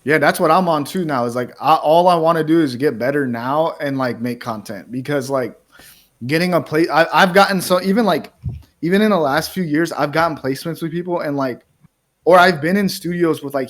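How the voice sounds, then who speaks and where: A man from the United States, hosting a casual interview chat, talking in a laid-back, slangy way full of "bro" and "like". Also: a little high. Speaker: podcast host and music producer.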